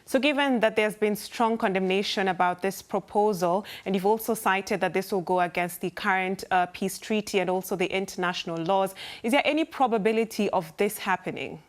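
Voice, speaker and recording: Woman news presenter, mid-pitched. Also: brisk, hardly any pauses. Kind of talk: formal broadcast interview.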